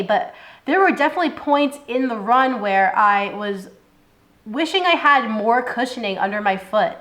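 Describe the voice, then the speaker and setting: Woman, slightly high voice, frank and sassy shoe reviewer, roomy echo. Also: a bit bright. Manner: candid, sassy, talks with her hands. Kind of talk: casual product review vlog.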